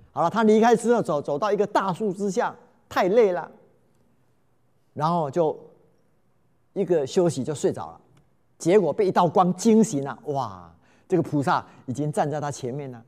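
A man telling a folk tale, exclaiming often and quizzing his listeners. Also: on the high side. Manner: animated, exclamatory, asks listeners questions. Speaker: storyteller.

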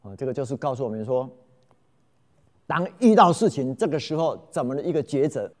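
A man telling parables in a lecture to an audience, with dramatic swings in loudness and frequent drawn-out fillers. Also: mid-range voice, expressive.

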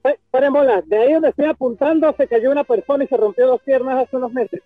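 A man calls in from his phone and answers with dry, mocking retorts. His voice is high and husky and comes through thin and tinny, with faint music behind. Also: quick pace, no room sound. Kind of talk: casual live-stream banter.

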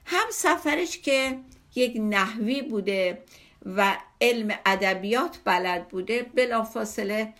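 A woman's voice: a little high, a bit bright. Woman retelling an old poem's tale. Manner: conversational, patient, retelling step by step. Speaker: teacher explaining classical poetry. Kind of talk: storytelling explanation of a poem.

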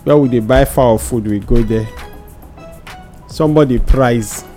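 A man's voice: mid-range voice, steady tone, moderate pace, warm tone. A man with a Nigerian accent telling anecdotes in Nigerian Pidgin as a guest in a casual radio chat. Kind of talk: animated storytelling in casual radio talk. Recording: music bed under the voice.

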